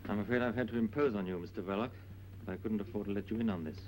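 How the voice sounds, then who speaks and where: A man's voice: fairly low pitch, racing, noisy background, lightly acted. An actor playing a polite, businesslike male investigator in an old film, courteous and understated as he probes. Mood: courteous, frank. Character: polite, businesslike plainclothes investigator, quietly probing.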